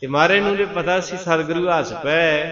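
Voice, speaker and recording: A man preaching a Sikh katha sermon, telling stories and chanting verses slowly, asking the congregation to answer. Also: on the high side. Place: large gurdwara hall with live congregation. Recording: echoey dull hall recording with crowd.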